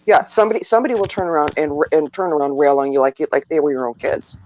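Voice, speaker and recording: A man's voice: fairly high pitch, racing, a little mellow, a little hiss or hum, poor audio. A man hosting a casual podcast chat from his apartment, rambling and repeating words as he tells a story. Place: apartment at home.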